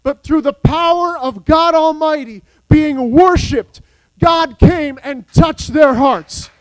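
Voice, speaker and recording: A man preaching a sermon, impassioned, swinging between soft asides and shouted peaks. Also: very high voice, slow pace, dry recording, poor audio. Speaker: pastor.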